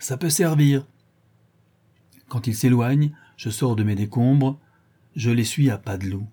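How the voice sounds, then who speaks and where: Man doing a rough Parisian brawler, slangy, rambling, loyal, husky tone. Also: mid-range voice, unhurried, warm tone. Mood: confiding. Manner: street slang, rambling storytelling.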